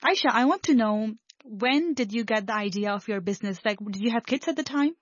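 A woman's voice: fairly high pitch, a little fast, no room sound. A woman from Hong Kong, a young adult, hosting a radio interview with upbeat scripted introductions. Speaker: radio host. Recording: dry, slightly muffled radio broadcast.

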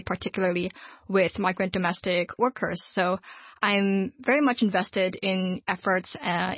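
Twenties woman from Hong Kong as interview guest; relaxed, filler-heavy, dry lo-fi broadcast. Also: mid-range voice, dry recording. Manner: relaxed, with fillers like "so" and "you know". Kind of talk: casual interview talk. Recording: dull lo-fi radio broadcast.

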